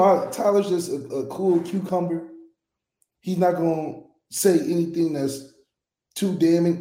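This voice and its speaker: Animated male sports co-host in a roomy space. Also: fairly high pitch. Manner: animated, loose and jokey, breaks into quoted voices. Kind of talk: casual sports talk. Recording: roomy echo.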